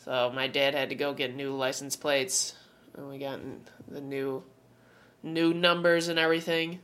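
A woman's voice: rumbling low, little pitch movement, moderate pace, fairly bright tone. A woman co-hosting a podcast in casual chat, sounding congested and stuffy-nosed from a head cold. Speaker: podcast co-host.

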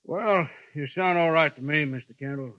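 An actor playing a folksy, controlling frontier sheriff in a 1950s radio western, laconic and authoritative, with an American western accent. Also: male voice, a little high, normal speed, no room sound, close to an everyday voice. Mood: wary, authoritative. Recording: muffled, dry vintage radio broadcast.

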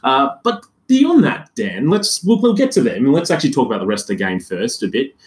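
A man's voice: medium pitch, very animated, brisk. A man hosting a casual chat podcast, jokey and sarcastic, rambling with restarts. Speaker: podcast host. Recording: echoey room.

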